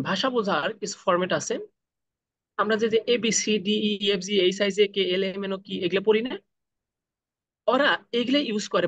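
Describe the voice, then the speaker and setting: A freelancing trainer leads an online class over a video call, posing questions to his students and answering them himself while slipping in slow, deliberate English phrases. His voice sits high with a fairly bright tone, and there's no echo.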